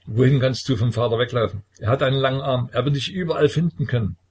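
A man voicing a pious older aunt of the royal family who urges and consoles with earnest firmness, in a husky voice. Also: medium pitch, fast talker, darkish tone, voice pushed up, close to an everyday voice. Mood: urging.

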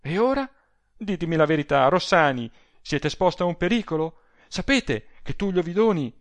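A man's voice: medium pitch, slow pace. A man voicing an agitated society woman who pleads and exclaims in a raised voice, in an audiobook reading. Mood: pleading. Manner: emotional, imploring, exclamatory.

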